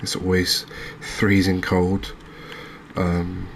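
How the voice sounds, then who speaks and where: As a gaming video host, a low-voiced man with vocal fry gives soft-spoken ASMR commentary on his gameplay. He muses in a very even, relaxed, unhurried way with pauses, while faint ambient noise sits in the background.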